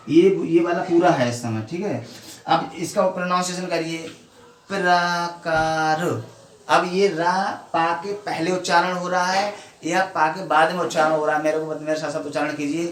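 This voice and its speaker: A male teacher with a fairly high voice explains a grammar lesson slowly, repeating each step and checking in with his pupils. The recording sounds echoey and a little far from the mic, with faint background noise. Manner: slow, repetitive explaining with frequent questions to pupils. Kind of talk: classroom-style grammar lesson.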